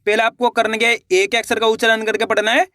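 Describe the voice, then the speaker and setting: A man teaching reading online, sounding out each syllable slowly and encouraging viewers to keep trying. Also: high voice, level tone, bright, forceful tone, no room sound, studio quality. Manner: spells words syllable by syllable, slow and drawn out; encouraging, addresses viewers as friends.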